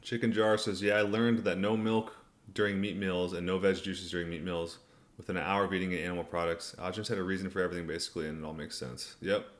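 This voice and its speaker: Low-pitched man, casual livestreamer. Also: flat delivery, fast. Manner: laid-back, colloquial, often says "man". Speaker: livestream host. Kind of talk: casual livestream Q&A, reading and answering viewer comments.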